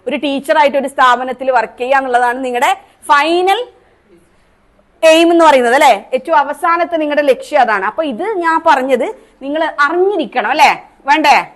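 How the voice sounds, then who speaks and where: A woman's voice: high-pitched, lively intonation, moderate pace. A woman Montessori trainer with a Kerala accent, teaching a teacher training class and asking the trainees questions. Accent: Malayali, Kerala. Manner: asks the class questions, demonstrates sounds.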